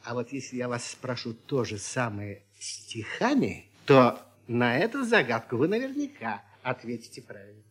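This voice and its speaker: A man's voice: medium pitch, big pitch swings, normal speed, few pauses, slightly rough. A middle-aged man hosting a scripted children's radio comedy as a teacher, lecturing his pupils in a mock-stern, ironic way.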